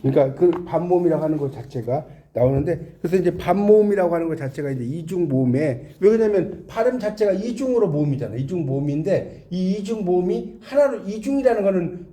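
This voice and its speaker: Male tutor, high dark voice, animated exam-prep teaching, echoey room. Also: fairly quick. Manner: animated, repeats himself, corrects his own slips.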